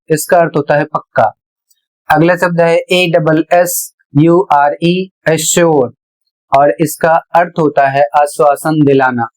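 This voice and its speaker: Slow Hindi-accented English teacher. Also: mid-range voice, darkish tone, poor audio. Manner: slow, spells words letter by letter then reads them. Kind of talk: pronunciation lesson.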